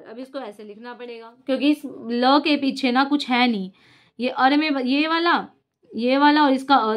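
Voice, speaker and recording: High-voiced woman teaching a lesson. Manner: asks questions then answers them herself. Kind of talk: casual whiteboard lesson.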